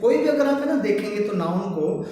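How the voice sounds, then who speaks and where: Man, teacher talking to children, high voice, long echo, distant mic. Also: big pitch swings, fairly quick, dark tone. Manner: explains with many rhetorical questions and repetitions; addresses students as children. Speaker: English teacher. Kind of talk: classroom lesson in Hindi. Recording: echoey room from a distant mic.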